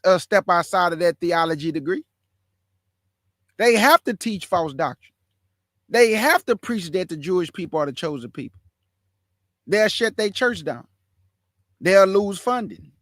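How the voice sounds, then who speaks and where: A man's voice: high voice, fairly bright tone, no room sound, studio quality. A man from Houston gives impassioned reaction commentary, emphatic and repetitive, calling his listeners family. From Houston, Texas, USA. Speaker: commentator reacting to a sermon clip.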